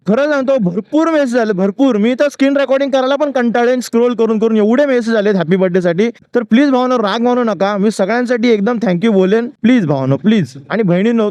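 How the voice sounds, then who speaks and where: Excitable young man vlogging on a bike. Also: high-pitched, no echo. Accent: Marathi, Konkan coast. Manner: excitable, chatty, addresses viewers as brothers. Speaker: motorcycle vlogger. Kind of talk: casual vlog chat while riding. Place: outdoors on streets, riding a motorbike.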